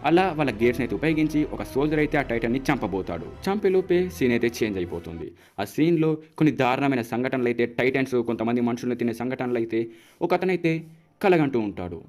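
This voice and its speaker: Guy racing thru an anime recap, chatty, does the characters' lines, mid pitch, faint music behind. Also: lively intonation, quick pace, darkish tone. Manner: chatty storytelling, acts out character quotes. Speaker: YouTube channel host. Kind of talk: casual anime episode recap.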